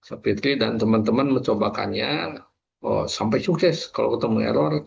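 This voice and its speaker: A man's voice: medium pitch, moderate pace, vocal fry, husky, muffled recording. A man, lecturing an online class over a video call, walking through each step with many fillers and asides.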